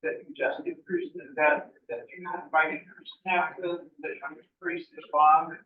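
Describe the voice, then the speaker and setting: A county supervisor, a man, calling into a board meeting and giving a halting, rambling formal statement heard through a phone on speakerphone. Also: on the high side, big pitch swings. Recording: tinny phone line on a speaker in an echoey room from far off.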